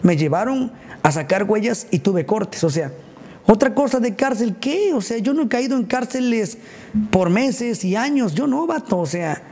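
A man's voice: sits high, lively intonation, normal speed, darkish tone. A Mexican man livestreaming casually, greeting viewers in crude slang and ranting combatively. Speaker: livestreamer and baker. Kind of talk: casual live stream chat greeting viewers.

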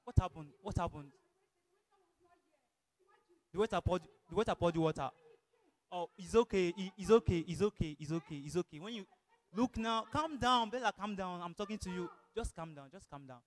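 A fast-talking nervous friend. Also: male voice, high voice, expressive, big-room sound. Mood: placating. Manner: anxious, placating, repeats himself. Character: nervous young man calming his friend. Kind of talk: comedy skit acting.

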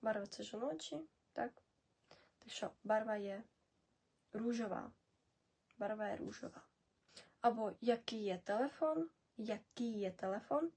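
A young woman running a casual language lesson, explaining words slowly and dropping into soft asides. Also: on the high side, husky. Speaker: channel admin teaching Czech.

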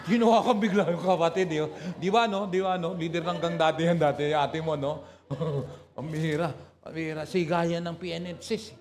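A man in his sixties from Pangasinan, with a Pangasinan accent, preaching a lively call-and-response sermon and often laughing. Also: fairly high pitch, normal speed, slight background noise. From Pangasinan, Philippines. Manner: animated, teasing, laughs often. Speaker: pastor.

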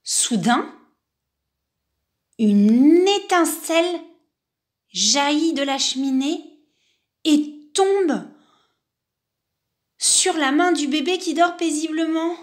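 A woman narrating a children's picture book in an unhurried way, adding sighs and little exclamations. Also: high-pitched, expressive. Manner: unhurried, with sighs and spoken interjections. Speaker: storyteller.

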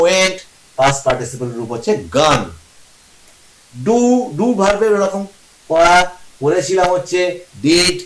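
A man teaching English grammar as a lesson. He asks questions and answers them himself, and repeats examples slowly. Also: on the high side, roomy sound, slight background noise, low-quality recording. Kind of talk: classroom-style grammar lesson.

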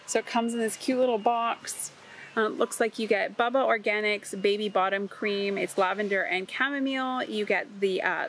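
A woman's voice: mid-range voice, a little hiss or hum, low-quality recording. A woman in a large warehouse store, chatting casually as she reads product labels aloud for a shopping vlog. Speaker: shopping vlogger.

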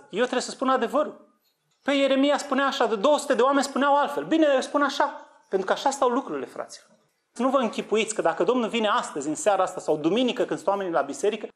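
A man preaching a sermon, urgently exhorting his listeners with rhetorical questions and swinging from low earnest tones to high fervent outbursts. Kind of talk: sermon on end-times prophecy.

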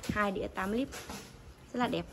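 A bicycle seller, a woman with a gravelly, medium-pitched voice at normal speed, films on a handheld phone while casually and politely walking customers through her items and their prices. The phone recording is noisy.

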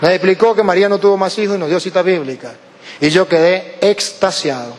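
High-voiced Venezuelan priest telling a story. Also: male voice, brisk, in a large hall. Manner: animated, acts out quoted voices. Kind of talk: storytelling testimony.

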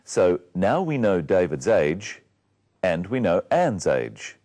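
Male pronunciation coach, low voice, very slow, lively pitch. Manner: clear, emphatic, deliberate word-by-word delivery. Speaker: pronunciation expert. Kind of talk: slow drill recitation.

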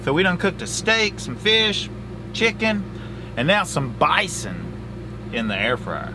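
Man, 40s, trucker vlogger; chatty and lively, with loud truck noise in the background. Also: sits high, takes it slowly. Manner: chatty, folksy, talks straight to camera. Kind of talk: casual cooking vlog. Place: truck sleeper cab, later outdoors at a fuel stop. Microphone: handheld camera close up. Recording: noisy truck and road ambience.

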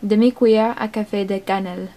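A young woman, talking in a flat, detached, deadpan way, as in a mock art-film. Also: medium pitch, a little hiss or hum. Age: young adult. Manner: flat, detached, unhurried delivery. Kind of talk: deadpan art-film narration and phone scenes. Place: house kitchen, indoors.

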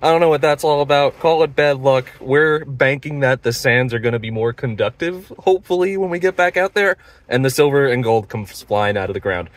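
A man's voice: mid-range voice, animated, a little fast, few pauses, no room sound. A young man hosting a metal detecting vlog outdoors at a beach. He talks in a chatty way straight to his viewers and narrates casually into a handheld phone. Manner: chatty, addresses viewers directly.

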